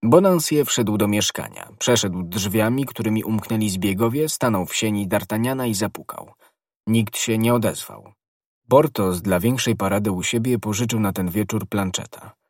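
Male audiobook narrator, low husky voice, dry close read. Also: dry recording. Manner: steady, measured reading. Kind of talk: scripted narration.

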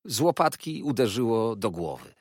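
Style: a man doing a gushing young newlywed lawyer. Quality: husky. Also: medium pitch, sing-song, moderate pace, dry recording, studio quality. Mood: effusive. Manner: effusive, rambling, eager.

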